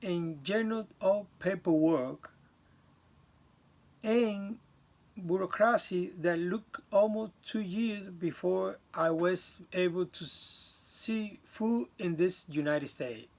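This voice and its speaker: A male student from the Dominican Republic delivers a videotaped class presentation in a slow, gravelly voice that sits high and is a little mellow. His speech is earnest and halting, with restarts and some non-native grammar.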